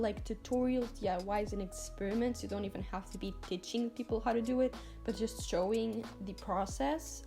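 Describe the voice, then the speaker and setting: A teenage girl talking casually as a vlogger about her design work, chatty and full of "like" fillers. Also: fairly high pitch. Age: teens. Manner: chatty, lots of "like" fillers, gushing. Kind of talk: casual vlog talk over screen recording.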